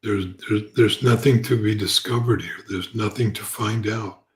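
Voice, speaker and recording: Male spiritual teacher, low register, calm gentle delivery, reflective and halting, off the cuff. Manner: halting, repeats words as he goes. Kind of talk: unscripted spiritual talk.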